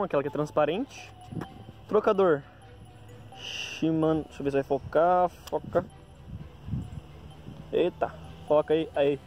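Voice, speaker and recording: A Brazilian man with a slightly high voice talks casually into a phone outdoors, with music behind him. He lists things informally, improvising and correcting himself as he goes. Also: poor audio. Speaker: bike owner presenting a gear check. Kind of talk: casual vlog commentary, listing parts.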